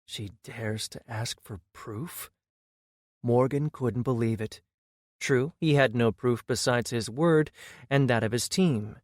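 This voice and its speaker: A man reading a fantasy audiobook in steady, measured scripted narration. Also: mid-range voice, dry recording, clean studio sound.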